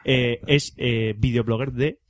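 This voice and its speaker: A man's voice: medium pitch, steady tone, measured pace, no room sound. A man co-hosting a podcast, playful and fond of repeating the jokes. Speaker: podcast co-host. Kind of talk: casual podcast banter.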